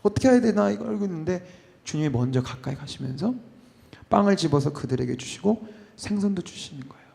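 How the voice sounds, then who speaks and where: A male pastor preaching a sermon, swinging between loud, emotional exclamations and hushed, near-whispered lines. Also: high-pitched, animated, quick pace, creaky. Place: church worship space.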